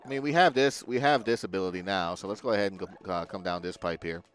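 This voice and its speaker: Male gaming host, lowish voice, casual let's-play commentary over faint game music. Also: fast talker.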